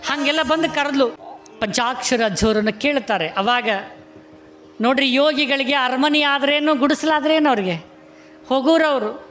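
A male preacher with a North Karnataka Kannada accent, telling a devotional story in animated sermon style and addressing the audience directly. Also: extremely high pitch, normal speed.

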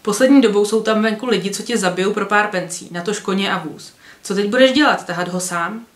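A woman's voice: medium pitch, natural voice. Brief: woman reading as a scolding old village man, grumbly, roomy echo. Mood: grumbling. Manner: scolding, told-you-so.

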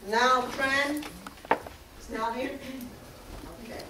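A woman's voice: high voice, fairly even intonation, takes it slowly. A middle-aged woman, reading names and thanking students at a school board meeting, recorded from a far camera in a large room. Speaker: school board member presenting awards. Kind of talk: public meeting recognition remarks. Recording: echoey room from far off, noisy.

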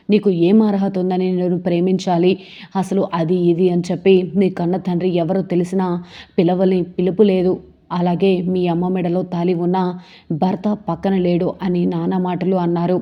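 A woman retelling a TV serial episode, reading every character's lines in her own steady voice. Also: fairly low pitch, muffled recording. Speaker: serial recap narrator.

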